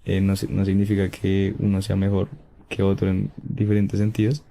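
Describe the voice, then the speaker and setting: A man's voice: deep voice, completely flat delivery, moderate pace, gravelly, mellow. A young man as a podcast guest, thinking aloud and hesitating as he searches for his words.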